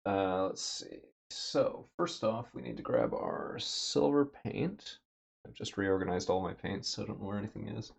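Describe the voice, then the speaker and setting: Low gravelly man chatting while painting. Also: moderate pace. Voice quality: dry throat, a bit rough. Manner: relaxed, thinking aloud with many fillers. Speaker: streamer painting a miniature. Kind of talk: casual livestream chat. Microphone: desk mic with noise gate.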